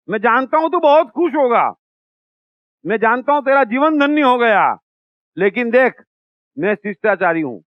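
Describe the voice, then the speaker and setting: A self-important mosquito king from a spoken fable speaks in a grand, patronizing way, voiced by a man. His high voice is smooth and clear. The sound is dry and a little dull. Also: no echo. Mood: condescending.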